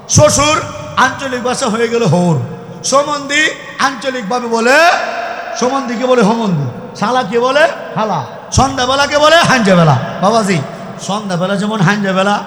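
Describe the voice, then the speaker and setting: A man from the Mymensingh region of Bangladesh preaching to a crowd, shouting and firing questions back at his listeners. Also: very high voice. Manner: shouting, call-and-response questions to the audience. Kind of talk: Islamic sermon to a crowd. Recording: echoey hall reverb from PA.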